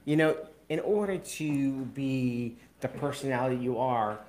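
A man's voice: mid-range voice, a little slow, darkish tone, slight background noise. A man hosting a casual interview, playful and jokey, asking many questions. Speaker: podcast host.

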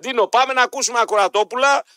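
Bright-voiced Greek radio sports co-host. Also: male voice, very high-pitched, no room sound, studio quality. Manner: chatty, quick to agree, joking. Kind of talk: casual sports radio banter.

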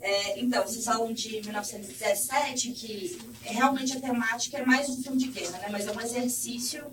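A woman's voice: a little high, fairly quick. A woman from the live audience asking the panel a probing, thoughtful question. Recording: echoey room with faint ambience.

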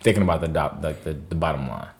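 A man's voice: rumbling low, lively intonation, gravelly. A man co-hosting a podcast, talking earnestly and reflectively in casual banter. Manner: reflective, earnest, drawn-out phrasing. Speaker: podcast co-host.

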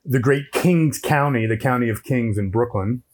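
A man chats as a podcast guest in a measured, deliberate storytelling manner. He talks into a headset microphone at an ordinary middle pitch. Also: a little mellow. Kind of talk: casual storytelling chat.

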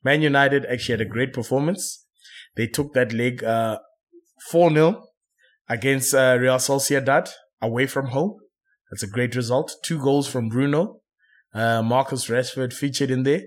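A man hosting a casual football chat, often pausing with fillers and correcting himself. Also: mid-range voice. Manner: hesitant, self-correcting, many fillers. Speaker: podcast host.

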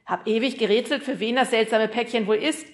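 Lady doing a chill dreadlocked postman guy, loud and chummy, pitched up. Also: a little fast, close to an everyday voice. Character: laid-back dreadlocked male postman.

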